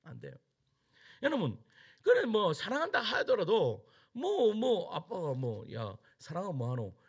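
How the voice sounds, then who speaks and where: A middle-aged man preaching in a Gyeongsang Korean accent, his voice gravelly and a little husky. His pitch leaps widely as he tells stories and acts out quotes. He sits a bit high for a man. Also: unhurried. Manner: animated storytelling with acted-out quotes and frequent laughter. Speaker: pastor. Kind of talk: sermon. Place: church sanctuary.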